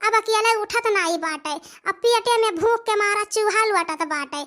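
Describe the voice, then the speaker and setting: In a comic cartoon, a young woman with an Awadhi accent plays a village daughter-in-law who is worked to the bone, sounding bitter and complaining as she repeats phrases for emphasis. Her very high-pitched voice is fairly bright and moves at normal speed.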